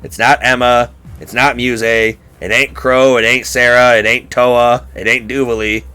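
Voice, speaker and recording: A man hosts a game playthrough in a casual, crude and joking way. His voice is bright and forceful, and his swearing comes out emphatic. Faint game music runs underneath. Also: medium pitch, level tone, unhurried, smooth. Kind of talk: casual gameplay commentary.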